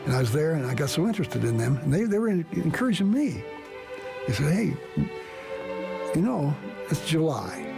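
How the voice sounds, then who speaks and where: An older man recounting his own wartime experience as a pilot, earnest and halting, with frequent restarts. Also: on the high side, sing-song, vocal fry, music in the background. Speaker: veteran pilot telling a story. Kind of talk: storytelling, archival recording.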